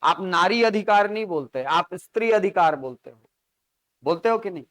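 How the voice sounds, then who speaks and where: High-voiced grammar teacher, clear. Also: male voice, expressive, moderate pace, fairly bright tone, no echo. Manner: explains with examples and frequent rhetorical check-ins to the class. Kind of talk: live coaching class lecture.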